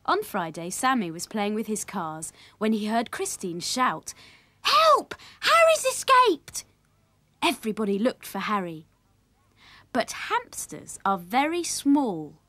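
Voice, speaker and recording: A woman's voice: medium pitch, no room sound. A woman reading a children's story aloud. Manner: gentle, expressive storybook reading.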